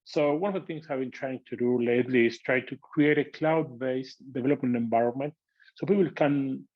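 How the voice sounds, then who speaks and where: A man's voice: mid-range voice, moderate pace, muffled recording. A man with an Argentine accent explaining technical work as an interview guest. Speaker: podcast guest, tech product manager.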